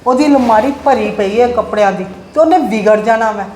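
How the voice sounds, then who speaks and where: A woman's voice: fairly high pitch, fairly quick, lightly acted. An actress playing a strict, frugal mother of two sons in a family drama, lecturing in an exasperated, scolding way. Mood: pleading. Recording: echoey room with faint noise.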